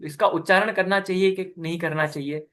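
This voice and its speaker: A male teacher leads an online class, walking his students through each point patiently and repeating the key terms. His voice sits a little higher than most men's. He stops often to quiz them and praise their replies. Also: steady tone, a little fast, a bit bright. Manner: patient, asks students questions and praises answers. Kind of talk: online class explaining scripture recitation.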